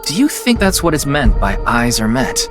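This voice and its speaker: A woman voicing a young male detective, reading game dialogue in a deepened voice. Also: big pitch swings, normal speed. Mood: puzzled. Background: game music.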